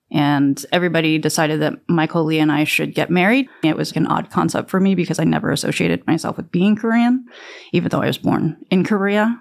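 Low-voiced woman recounting her childhood. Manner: reflective, candid, with casual fillers. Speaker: interviewee. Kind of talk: personal storytelling.

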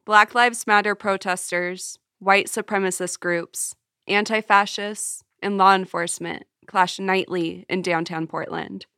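Bright, crisp-voiced woman reporter narrating. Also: medium pitch, steady tone, measured pace, no echo, clean studio sound. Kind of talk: scripted narration.

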